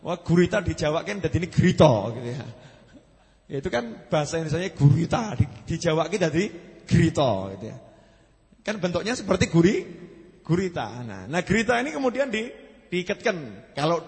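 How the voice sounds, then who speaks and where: A man with a Javanese accent preaching a sermon to a gathering, lively and joking as he talks. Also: a little high, fairly quick, pauses often, long reverb tail. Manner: animated, jokes and mixes in Javanese phrases.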